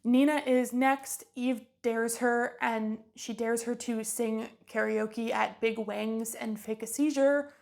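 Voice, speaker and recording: A woman vlogger recapping a movie in a chatty, offhand way. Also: on the high side.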